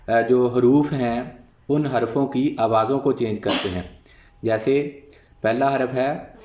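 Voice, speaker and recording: A man's voice: medium pitch, a little mellow, reverberant. A man teaching a phonics lesson, patiently sounding out letters one by one and explaining how vowel marks change them. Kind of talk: slow, deliberate phonics lesson.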